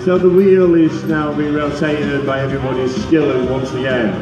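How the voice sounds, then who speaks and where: A man's voice: a little high, flat delivery, normal speed, muffled recording. A man announcing a live stunt show like a kids show host, coaxing the crowd for applause and putting questions to the children. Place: outdoor show, over a loudspeaker system. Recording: echoey outdoor PA, far off, music and crowd. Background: music and crowd.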